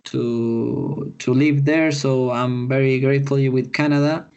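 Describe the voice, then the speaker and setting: A Chilean man with a Spanish accent, a footballer answering podcast interview questions in English, halting and repeating words as he searches for them. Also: medium pitch, fairly even intonation, vocal fry, darkish tone, clear, resonant tone, muffled recording. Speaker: footballer guest.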